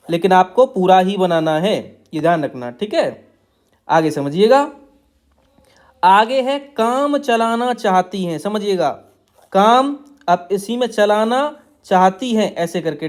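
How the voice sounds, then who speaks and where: A man teaching shorthand outlines, explaining each stroke in a patient, repetitive way while drawing on a tablet. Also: high-pitched. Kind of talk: tutorial explaining steno outlines.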